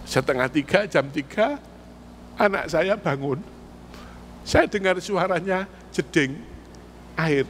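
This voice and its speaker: A man's voice: a little high, lively intonation, slow pace, long pauses, a bit bright, a little hiss or hum. A man with an East Javanese accent preaching an Islamic sermon in a mosque, putting rhetorical questions to the congregation and pressing them for answers. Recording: echoey mosque hall.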